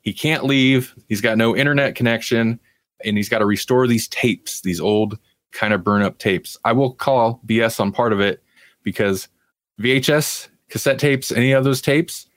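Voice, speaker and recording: A male co-host with a mid-range, fairly bright voice talks at normal speed on a podcast. His TV review chat is casual and meandering.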